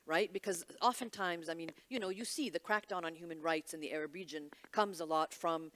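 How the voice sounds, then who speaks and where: A woman's voice: lowish voice, brisk, fairly bright tone. A woman from Egypt speaks on a summit panel in a candid, wry way. She restarts her sentences often and leans on fillers as she works through her point. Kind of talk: panel discussion.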